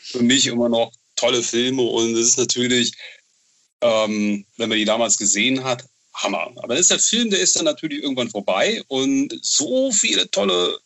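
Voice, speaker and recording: A horror novel author in his thirties chats casually as an interview guest, often ending phrases with a questioning filler. His mid-range voice is animated and fairly bright, with vocal fry and a moderate pace.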